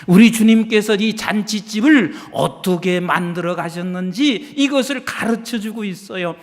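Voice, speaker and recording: A male pastor preaches in a church sanctuary, his voice ringing with a long reverb. He pitches his voice high and swoops it up and down with lively animation. He calls out for amens and shifts between hushed asides and loud emphatic lines. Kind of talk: sermon.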